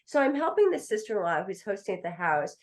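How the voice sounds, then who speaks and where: A woman's voice: mid-range voice, big pitch swings, fast talker. A middle-aged woman, an attorney guest, telling a story in a podcast interview and acting out the voices of the people in it. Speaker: estate planning attorney guest.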